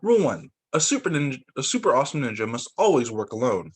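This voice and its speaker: This young man is a teacher reading picture books aloud to kids on a video call, his mid-range voice sing-song, quick, and slightly rough. He interrupts himself with small asides and exclamations, captured on a computer mic.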